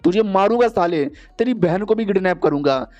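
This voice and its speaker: A man voicing a loud, taunting fat bully in a storytelling recap. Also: high-pitched, lively intonation, moderate pace, lo-fi sound, soft background music. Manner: taunting, abusive.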